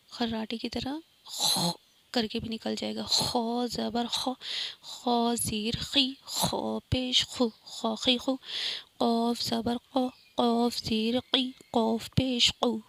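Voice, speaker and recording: A woman teaching Quran reading, sounding out letters and vowel marks slowly and then breaking into quick explanations. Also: fairly high pitch, creaky, fairly bright tone, no room sound. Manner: patient, drawn-out syllables with quick asides of explanation. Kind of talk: slow letter-by-letter recitation lesson.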